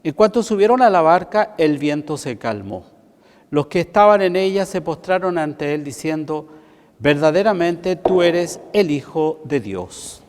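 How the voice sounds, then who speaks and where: A man serving as priest, reading the gospel aloud in a measured, solemn way, his voice ringing with cathedral echo. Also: fairly high pitch, lively intonation, darkish tone. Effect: cathedral echo, long church reverb. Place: large church. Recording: long reverb of a big church.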